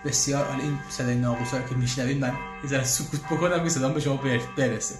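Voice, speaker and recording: A man hosting a casual live question-and-answer session for his language school, chatty, pausing often with fillers and restarts. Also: medium pitch, fairly even intonation, reverberant, music in the background. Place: room in Austria, church bells heard.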